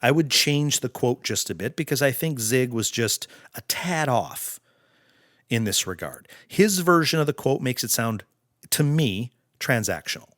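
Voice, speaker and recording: A male podcast host giving an earnest, preachy motivational monologue in slow, deliberate phrases. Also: medium pitch, expressive, fairly bright tone, no echo, clean studio sound.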